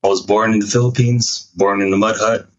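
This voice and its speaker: A man's voice: lowish voice, steady tone, fairly quick, muffled recording. A man in his thirties, a military veteran guest, telling his life story in a loose, casual way with some slang. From United States (San Francisco). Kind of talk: casual chat.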